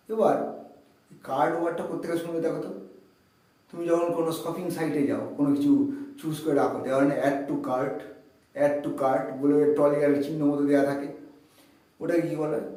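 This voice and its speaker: A man teaches a vocabulary lesson to his students, his fairly high voice mellow and warm. He keeps asking questions and answering them himself, and repeats key words slowly. The sound is very echoey and comes from some way off the mic. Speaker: English tutor. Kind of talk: spoken language lesson to students. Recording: echoey room, voice from far off.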